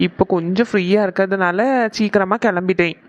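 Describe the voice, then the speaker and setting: A performer voicing an easygoing father who speaks gently to his wife and daughters. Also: medium pitch, fairly even intonation, a little fast, no echo, dull audio, close to an everyday voice. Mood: calm.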